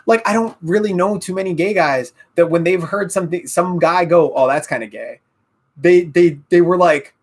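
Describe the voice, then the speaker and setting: A man co-hosting a podcast in casual chat, animated and profane, often laughing. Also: high-pitched, moderate pace, few pauses, slightly rough. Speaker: podcast co-host.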